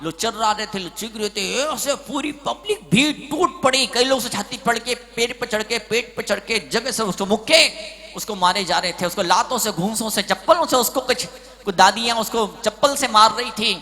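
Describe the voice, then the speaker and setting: A man preaching a sermon as a monk, telling stories with big swings between loud and hushed. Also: high-pitched, normal speed. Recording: hall reverb.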